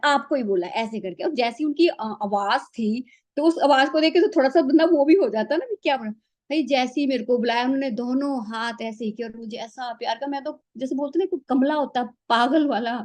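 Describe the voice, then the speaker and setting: A woman sharing a heartfelt spiritual experience, acting out the dialogue as she goes. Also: high-pitched. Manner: animated storytelling, acts out dialogue. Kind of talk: emotional personal testimony.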